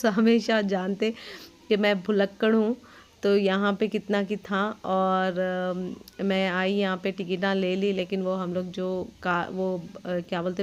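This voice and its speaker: A woman's voice: mid-range voice, dull audio. A young woman, vlogging in a rambling, complaining, chatty way with lots of fillers. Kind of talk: casual vlog narration.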